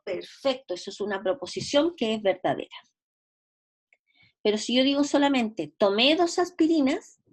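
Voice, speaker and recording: A woman's voice: high voice, darkish tone. A woman teaching a logic class, explaining patiently and often checking whether her students follow. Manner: explanatory, repeats and rephrases, checks understanding. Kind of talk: recorded lecture.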